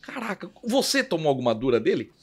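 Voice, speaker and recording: A man's voice: fairly high pitch, very animated, quick pace, slightly rough. A Brazilian man hosting a casual interview, chatty and asking his guest about the old days. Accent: Brazilian Portuguese. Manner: chatty, asks about the coach, laughs along. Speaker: host.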